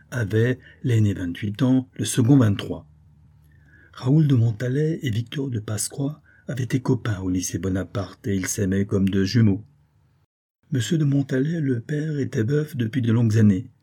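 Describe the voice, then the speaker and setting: A man narrating a classic novel in a measured storytelling manner. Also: fairly low pitch, dark tone, husky. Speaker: audiobook narrator.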